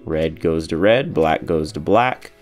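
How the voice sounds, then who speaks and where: A man in his thirties giving a steady, step-by-step voice-over on a boat installation. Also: a bass voice, measured pace. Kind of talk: voice-over how-to narration. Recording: faint music underneath.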